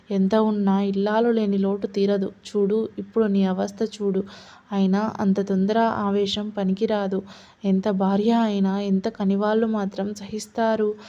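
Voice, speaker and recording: A woman's voice: medium pitch, dark tone, dull audio, close to an everyday voice. Woman reading as a nosy older neighbor man, lecturing.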